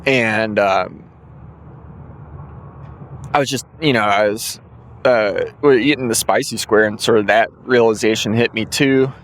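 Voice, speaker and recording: This young man, in his 20s, runs his podcast by himself and drifts from thought to thought, drowsy, yawning, and filling gaps with ums. He has a lowish voice, a measured pace, and frequent pauses, with slight background noise.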